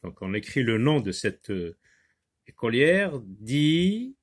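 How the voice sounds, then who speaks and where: Slowly sounding out syllables and repeating words with emphasis, a man teaches a reading lesson to his class. His mid-range voice is husky, with big swings in pitch.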